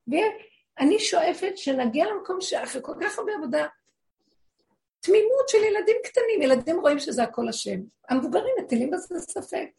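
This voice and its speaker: Woman, spiritual teacher, creaky voice, questioning listeners as she teaches, faint noise behind. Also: high-pitched, a little mellow. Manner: explains with frequent rhetorical questions to listeners; acts out quoted voices in her teaching. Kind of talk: religious lesson.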